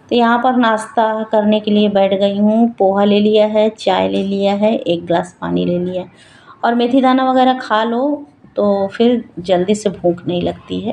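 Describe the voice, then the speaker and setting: A woman's voice: mid-range voice, warm tone, slight background noise, poor audio. A middle-aged woman and mother narrating her home routine and cooking in a chatty, homely running commentary for her vlog, recorded at home in her kitchen.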